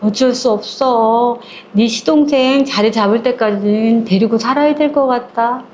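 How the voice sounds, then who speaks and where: A woman's voice: on the high side, a little slow, darkish tone, slight background noise, lightly acted. A woman voicing a pushy, self-assured middle-aged mother-in-law who talks in a bossy, matter-of-fact way.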